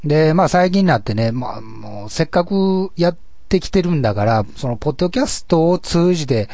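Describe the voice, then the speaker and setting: Man, gravelly husky voice, casual solo podcast talk, dry close sound. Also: a little high, expressive, fairly quick, warm tone, dry recording. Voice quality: husky, gravelly voice, often taken for having a cold. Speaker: podcast host and amateur musician.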